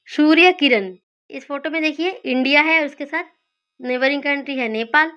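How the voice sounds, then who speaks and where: Woman w a high voice going over memory tricks, repeats words, asks herself stuff, kinda dull lo-fi sound. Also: sharp tone. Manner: repeats key words slowly, asks and answers her own questions. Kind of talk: explaining study mnemonics.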